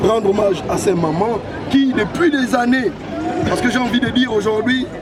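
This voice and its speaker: A man in his thirties from Gabon, president of an association, answering interview questions in a measured way with stock phrases. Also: very high voice, very noisy. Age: 30s. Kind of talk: outdoor event interview. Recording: loud crowd around. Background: loud crowd.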